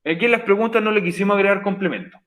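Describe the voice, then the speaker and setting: Emphatic male English teacher, higher voice. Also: very fast, fairly bright tone, poor audio. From Chile. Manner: patient, repeats points for emphasis. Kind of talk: recorded online class explanation.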